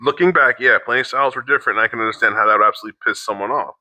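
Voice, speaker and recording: Middle-aged male co-host, sharp bright tone, dry close sound, reads posts aloud haltingly with blunt asides. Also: mid-range voice, no echo, poor audio. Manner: halting, restarts mid-sentence, swears in asides. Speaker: co-host reacting to online posts. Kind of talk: reading aloud with casual commentary.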